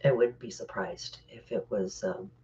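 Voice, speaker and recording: A woman's voice: very deep voice, measured pace, a little mellow, muffled recording. Stuffy-voiced middle-aged woman, hesitant. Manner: hesitant, many fillers, reads comments aloud. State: stuffy from crying. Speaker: live Q&A host. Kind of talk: casual live-stream Q&A.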